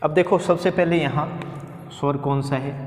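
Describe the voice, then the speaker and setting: A man's voice: fairly high pitch, steady tone, moderate pace, a little mellow. A man teaching a Hindi grammar lesson to exam students, explaining step by step and asking questions that he answers himself. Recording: echoey room with long reverb.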